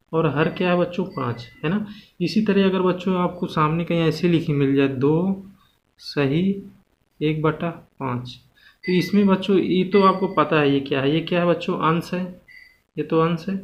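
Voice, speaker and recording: This man speaks with a slightly higher voice as he teaches maths to children. He keeps asking little questions and answering them himself, stretching out the numbers he reads. The audio is muffled and lo-fi, with a faint hiss behind it. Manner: slows down and stretches out numbers he says aloud. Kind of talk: classroom-style maths lesson for children. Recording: dull, lo-fi home recording with faint background hiss.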